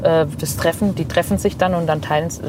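A woman's voice: low-pitched, over music. A woman from Swabia, a travel blogger telling stories in a casual interview with lots of fillers. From Swabia, Germany. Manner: lively storytelling, many fillers and quick agreement. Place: passenger seat of a moving car.

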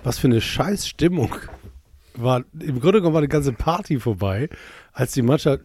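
A man's voice: mid-range voice, lively intonation, normal speed, darkish tone, breathy edge. A man in his fifties chatting casually, telling stories and insisting on his point. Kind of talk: casual chat.

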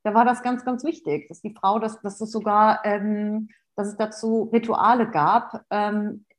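A woman's voice: mid-range voice, fairly even intonation, unhurried. A woman hosting a podcast interview, affirming and filler-heavy. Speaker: podcast host.

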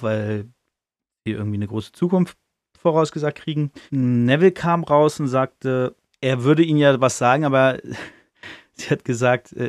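A man hosting a podcast retells a book chapter in a loose, offhand way, with slang and the odd curse word. His voice sits at an ordinary middle pitch. The sound is dry and close, with no room around it. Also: dry recording. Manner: chatty and offhand, with slang and swearing. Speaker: podcast host.

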